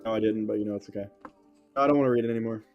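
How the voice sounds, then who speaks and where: A man's voice: on the low side, fairly even intonation, very fast, dull audio, faint music behind. Rambling, sweary man joking on stream. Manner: rambling, sarcastic, heavy swearing and fillers. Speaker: co-player on a stream. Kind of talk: casual banter.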